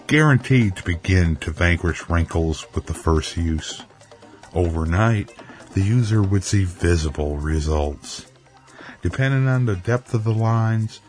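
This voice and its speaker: A man narrating a dramatic story in a measured, even way, with faint music underneath. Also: low-pitched.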